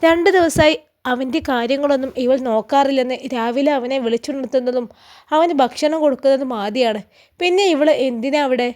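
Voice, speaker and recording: A woman's voice: high-pitched, brisk, darkish tone, natural voice. Stern scolding father, as a woman storyteller reads him. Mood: angry. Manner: harsh and scolding. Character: stern, angry middle-aged father.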